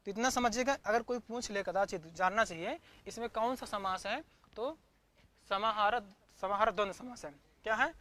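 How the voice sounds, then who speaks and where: A man's voice: high-pitched, a bit bright. A man giving an online Sanskrit grammar class, asking questions and answering them himself, repeating each term. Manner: searches the screen for notes aloud mid-lesson.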